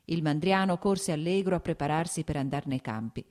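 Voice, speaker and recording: Low-voiced woman reading a novel. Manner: measured, even literary reading. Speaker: audiobook narrator. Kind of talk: scripted narration.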